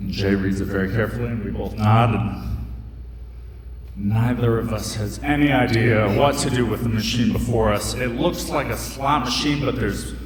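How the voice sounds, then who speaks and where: A man's voice: on the low side, fairly even intonation, normal speed. A young man telling a joking, chatty story on stage at a live storytelling event, full of fillers and asides. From United States. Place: stage in a hall with a live audience. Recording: echoey hall picked up from a distance, crowd audible.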